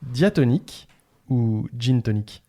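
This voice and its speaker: A man's voice: mid-range voice, lively intonation, slow pace, dark tone, slight background noise. A man hosting a casual podcast, playfully quizzing his guest with either-or questions. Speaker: podcast host.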